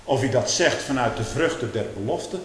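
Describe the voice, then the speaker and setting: An older man preaching a sermon, turning emphatic and loud at times. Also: medium pitch, expressive, moderate pace. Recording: echoey hall with hiss.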